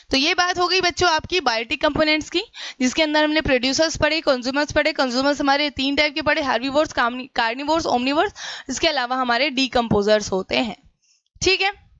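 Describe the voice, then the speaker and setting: A woman teacher giving an online exam-prep lesson, explaining in Hindi with English definitions read out slowly, often asking rhetorical questions and addressing her students as children. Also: high-pitched, bright, forceful tone, dry recording, lo-fi sound. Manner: frequent checking fillers.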